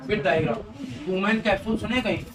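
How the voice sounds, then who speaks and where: A man's voice: sits high, fast talker, over music. A male teacher gives exam-prep advice to students in a coaxing, repetitive way. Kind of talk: exam-prep class lecture. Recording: noisy room, voice from a distance.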